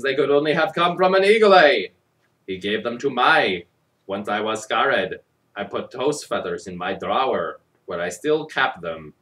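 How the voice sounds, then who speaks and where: A man with a mid-range, fairly bright voice performs a theatrical, mock-dramatic storybook reading, tossing in sardonic, profane ad-libbed asides like a comic reader. The mic is distant and the audio quality is poor.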